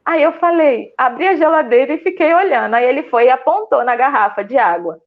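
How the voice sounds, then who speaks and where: A woman with a Brazilian Portuguese accent telling her story in a casual interview, animated and full of fillers and restarts. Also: sits high, fairly quick, phone-quality sound. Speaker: student telling her experience.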